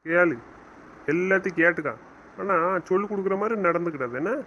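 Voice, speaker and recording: A man's voice: high voice, a little fast, muffled recording, slight background noise. A man playing a stern husband in an audio drama, scolding and giving orders. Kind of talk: casual audio drama acting.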